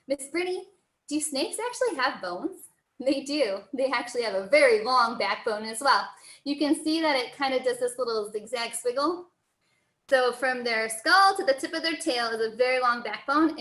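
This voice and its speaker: A woman's voice: high-pitched, a bit bright. An American woman working as a zoo educator, giving a live online lesson for children in a cheery, encouraging zookeeper manner. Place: indoor room, online video call. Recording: roomy, echoing sound.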